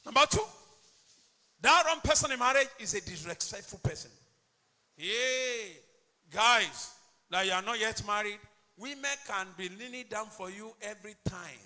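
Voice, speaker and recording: A male pastor preaching a sermon emphatically, swinging between loud declarations and low asides. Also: animated, measured pace, in a large hall.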